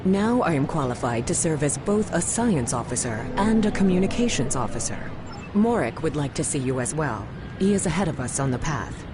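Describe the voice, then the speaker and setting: A woman voices a logical young female Vulcan cadet in a video game. Her voice is low, formal and exact, with no emotion. Clear outdoor ambient noise sits behind her. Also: sing-song, moderate pace. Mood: cool, composed. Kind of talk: video game character dialogue.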